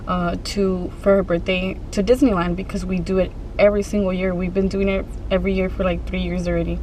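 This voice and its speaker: Woman, medium pitch, casual storytime vlog, conversational, halting restarts, some background noise. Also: rough recording. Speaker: vlogger. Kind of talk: casual storytime chat to viewers.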